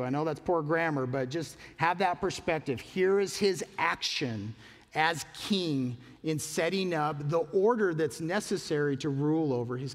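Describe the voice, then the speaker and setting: A man's voice: a little high, in a large hall. A man, a pastor, preaching a sermon in an earnest, conversational way, asking his listeners questions.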